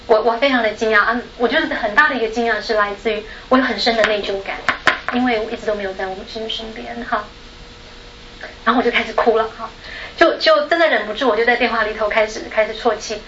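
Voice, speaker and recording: A Taiwanese woman with a Taiwanese Mandarin accent speaks on a panel, chatting through a personal story at a quick clip in a slightly high voice. She laughs a lot and ends sentences with a soft particle. Background noise is audible, and the echoey room makes the sound dull.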